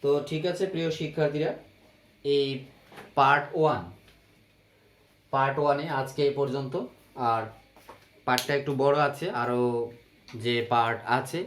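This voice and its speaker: A male teacher giving a slow vocabulary lesson, spelling out each word letter by letter and repeating it patiently for his students. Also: medium pitch, flat delivery, fairly bright tone. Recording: echoey room, faint background noise.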